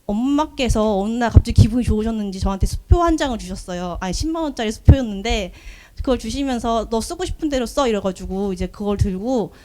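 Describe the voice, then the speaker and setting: Earnest soft-spoken woman presenting. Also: medium pitch, fairly quick. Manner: earnest, soft-spoken, personal storytelling with frequent fillers. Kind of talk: business showcase presentation. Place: event hall.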